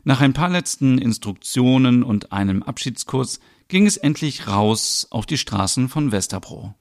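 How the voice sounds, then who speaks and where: A man's voice: medium pitch, lively intonation, a little slow. A man, the host, narrating a one-man audio soap in a plain storytelling tone.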